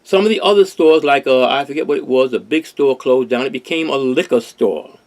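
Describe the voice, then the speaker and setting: A man's voice: medium pitch, a little fast, a little mellow. An older man, hosting a casual discussion in an earnest, rambling way with many restarts. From Harlem, New York. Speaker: host.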